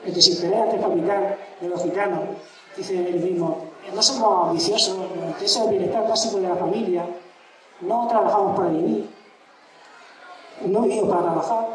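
A man's voice: high voice, fairly bright tone. Man from lecturing, ironic and emphatic, lots of rhetorical questions, mic far away, big echo. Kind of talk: public lecture. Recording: echoey hall from far off with background noise.

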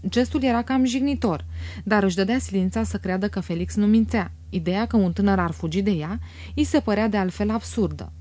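A woman reading a classic novel aloud in a measured, even audiobook narration. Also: mid-range voice, no room sound.

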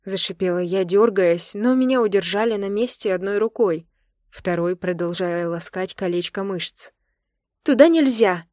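A young woman reads a first-person romance audiobook in a medium voice, expressive and intimate. The recording is close and dry, with no room sound. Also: mid-range voice, normal speed, dry recording. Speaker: narrator.

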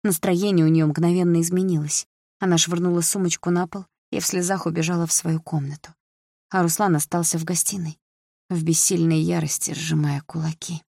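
A woman reading an audiobook in a low, gravelly voice. Her delivery is even and measured. The recording is close and dry, with no echo. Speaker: narrator. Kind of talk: audiobook narration.

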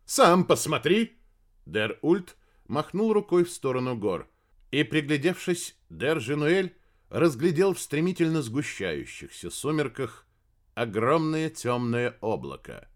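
A man reading a story aloud in a dramatic, expressive audiobook narration. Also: mid-range voice, unhurried.

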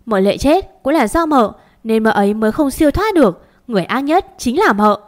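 A woman's voice: on the high side, animated, a little fast, lightly acted. A woman voicing a terrified young maidservant who pleads and cries for mercy in a storybook reading. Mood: pleading. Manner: pleading, tearful, stammering.

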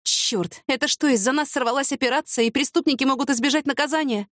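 A woman doing a young heroine, sharp-tongued and jumpy, pitched up, dry close audiobook sound. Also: fast talker, no room sound, close to an everyday voice. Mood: irritated. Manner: raised pitch, excitable.

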